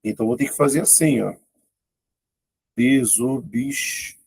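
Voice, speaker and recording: Gravelly male teacher. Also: mid-range voice, a little slow, a little mellow, no echo. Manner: informal, thinks aloud, exclaims at tricky items. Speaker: Portuguese teacher. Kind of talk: exam-prep grammar lesson.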